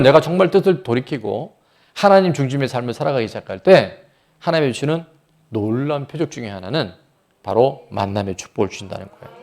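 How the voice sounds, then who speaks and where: A man's voice: mid-range voice, a little mellow. A man pastor preaching a sermon, asking the congregation questions and acting out voices from the story. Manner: asks the congregation questions and acts out quoted voices.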